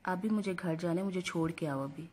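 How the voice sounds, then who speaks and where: A woman's voice: on the low side, a little mellow, slight background noise, lightly acted. A woman reading the lines of a spiteful, jealous young woman cousin in a storybook reading, with a venomous, snapping tone.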